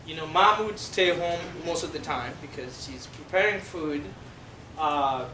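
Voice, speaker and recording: A middle-aged man from South Sudan with a South Sudanese accent and Dinka as his first language, giving a halting, explanatory classroom presentation full of fillers. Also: a little high, sharp tone. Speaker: guest speaker. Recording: echoey room from far off, noisy.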